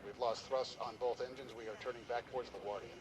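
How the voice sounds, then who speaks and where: An actor playing a calm airline captain making clipped radio calls over his cockpit headset in a film. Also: medium pitch, quick pace, recorded from a distance, a crowd in the background, lightly acted. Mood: urgent calm. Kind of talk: film acting. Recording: film cockpit with engine noise.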